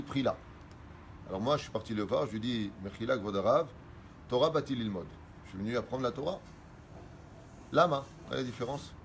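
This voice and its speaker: A middle-aged man, a rabbi, teaching religious law and explaining quickly read Hebrew sources in French. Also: mid-range voice, slight background noise.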